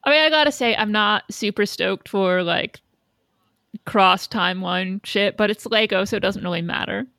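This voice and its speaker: A woman's voice: medium pitch, moderate pace, creaky, sharp tone, dry recording, clean studio sound. A woman chatting casually as a podcast co-host, blunt and opinionated with casual swearing. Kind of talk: casual fan chat.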